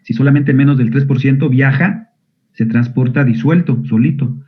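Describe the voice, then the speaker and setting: A man's voice: mid-range voice, normal speed. Guy teaching med students online, keeps asking questions, sounds like a phone line. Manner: asks students frequent questions, clears throat often. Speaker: medical school lecturer. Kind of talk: online physiology lecture. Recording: narrow phone-like audio.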